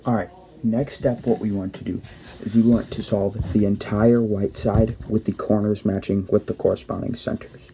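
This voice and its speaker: Low, flat-voiced young man explaining. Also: moderate pace, slight background noise. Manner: plain, step-by-step, with restarts and self-corrections. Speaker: cube tutorial host. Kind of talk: casual tutorial narration.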